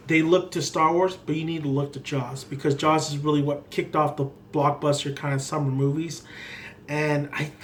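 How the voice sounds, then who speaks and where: Higher-voiced man reviewing films, noisy background. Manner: rambling, emphatic, repeats himself. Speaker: film reviewer. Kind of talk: casual unscripted film review. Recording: clearly noisy background ambience.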